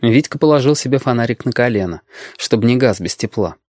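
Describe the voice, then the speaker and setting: Calm and measured, a man with a mid-range voice reads an audiobook aloud as its narrator, recorded dry with studio-level quality.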